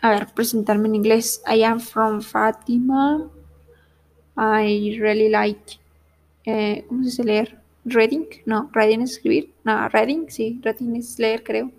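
A young woman talks to herself in a casual vlog, slowly and haltingly sounding out German and English words as she studies. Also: a little high, steady tone, darkish tone. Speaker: vlogger. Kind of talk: casual self-talk while studying languages.

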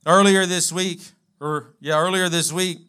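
A man's voice: sits high, fairly even intonation, measured pace, sharp tone, clean tone. A man preaching a sermon as pastor, building with emphatic repeated lines and calling on the congregation to respond.

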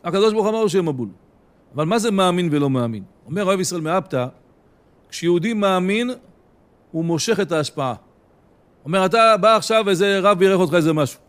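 Male rabbi, Israeli Hebrew accent, Torah lecture, storytelling manner, high-pitched voice. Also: animated, fairly bright tone, clear, resonant tone. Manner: storytelling, retelling others' words with frequent "he says".

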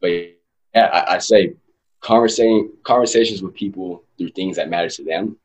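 A man's voice: deep voice, normal speed, husky, low-quality recording. A man in his mid twenties, a podcast guest, talking thoughtfully and searching for words. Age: 20s. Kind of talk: casual interview chat.

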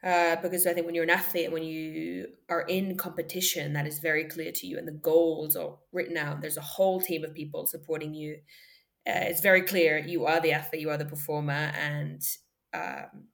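A woman's voice: low-pitched, level tone, moderate pace, gravelly. A young adult woman who grew up in Australia, a former sprinter talking as a podcast guest, thoughtful and full of ums and restarts. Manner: thoughtful, frequent ums and restarts, light laughter. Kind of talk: reflective conversational interview.

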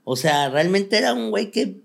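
A young adult man with a Mexican Spanish accent, a comedian guest chatting casually in an interview, talking fast and animated with lots of slang. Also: high-pitched, gravelly.

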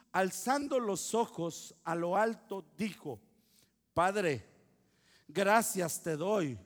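A man preaching a sermon as pastor, switching between loud outbursts and hushed asides. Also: a little high, long reverb tail.

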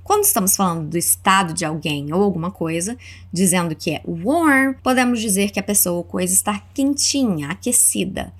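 A woman with a Brazilian accent teaching English words, saying each one slowly and clearly for listeners to repeat. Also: mid-range voice. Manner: slow, clear modeling of words for repetition. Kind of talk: language lesson narration.

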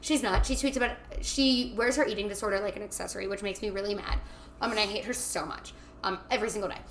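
A woman's voice: medium pitch, fast talker, a bit bright, a little hiss or hum. A young woman co-hosting a casual podcast from a kitchen table at home, blunt and sardonic with crude jokes. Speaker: podcast co-host. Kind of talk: casual chat.

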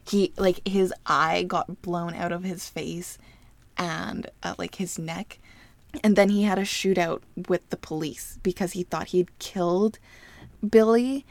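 A woman's voice: on the low side, fairly even intonation, a little slow, gravelly, no room sound. A woman co-hosting a true-crime podcast, telling the story in a chatty, filler-heavy way with frequent laughter. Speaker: podcast co-host. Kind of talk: casual true-crime chat.

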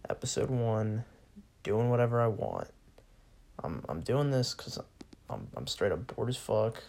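Gravelly young man ranting alone. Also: mid-range voice, a little mellow. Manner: profane, bored and sarcastic, laughs often. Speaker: solo podcaster. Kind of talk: casual solo rant.

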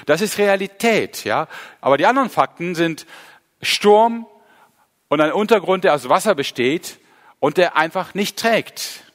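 A man's voice: high voice, a bit bright, long reverb tail. A man preaching a sermon, retelling a Bible scene with earnest emphasis. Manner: earnest, storytelling with rising emphasis.

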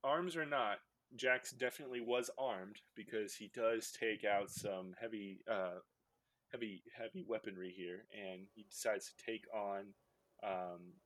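A lower-pitched man with a bright, forceful voice is recapping a film for a podcast. He rambles and laughs his way through the plot, with plenty of fillers. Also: fairly even intonation, measured pace. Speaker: podcast host. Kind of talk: casual podcast movie recap.

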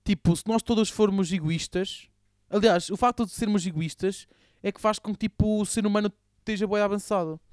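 A man's voice: high voice, a little fast, few pauses, darkish tone, clear, resonant tone, no room sound, studio quality. A young man with a European Portuguese accent, co-hosting a podcast in casual, slangy, rambling chat. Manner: slangy, rambling, filler-heavy. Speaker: podcast co-host.

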